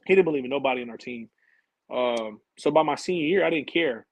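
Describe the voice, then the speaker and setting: Interview guest: husky-voiced man, mid pitch, animated and slangy, dry recording. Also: a little fast, dry recording, low-quality recording. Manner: animated, slangy storytelling, acts out his own past conversations. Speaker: interview guest, former college and pro basketball player. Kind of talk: casual storytelling interview.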